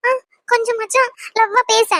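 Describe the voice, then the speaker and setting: Woman doing a shrill, bossy cartoon girlfriend. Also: flat delivery, moderate pace, pushed and bright, dry recording, studio quality. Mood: scolding. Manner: nagging, scolding, sighing exclamations. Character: bossy, exasperated young woman scolding her boyfriend. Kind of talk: cartoon voice acting.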